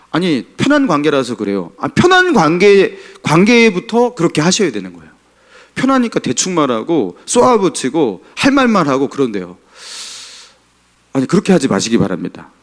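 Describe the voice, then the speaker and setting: A middle-aged pastor preaching a Sunday sermon in a church, asking the congregation questions. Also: male voice, on the high side. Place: church sanctuary.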